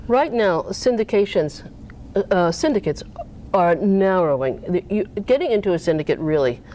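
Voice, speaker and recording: Woman author, middle pitch, lively swoops, faint noise underneath. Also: normal speed. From Cape Cod, US. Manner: animated, swoops up in pitch when emphatic. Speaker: author being interviewed. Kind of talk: casual interview talk.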